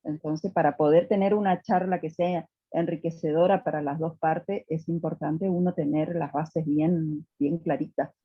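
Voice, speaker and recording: Female student, husky, meandering and thoughtful, on a dull, dry online call. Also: deep voice, fairly even intonation, normal speed, hardly any pauses, no echo. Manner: thoughtful, rambling with many fillers. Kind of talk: casual conversation with teacher.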